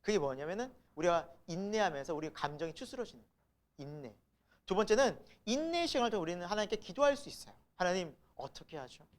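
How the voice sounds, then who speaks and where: A male pastor preaching a sermon, asking the congregation rhetorical questions, swinging between loud emphasis and soft asides, with chuckles between points. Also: sits high, sing-song, fast talker.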